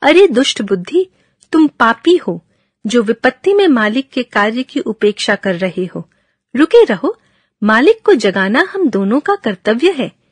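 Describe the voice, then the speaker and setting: An indignant male donkey from a storybook fable scolds his friend in a raised, reproachful voice, read out by a woman. The voice sits fairly high and moves a lot in pitch. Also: big pitch swings, unhurried, no echo, exaggerated voice. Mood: angry. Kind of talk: reading a storybook fable aloud.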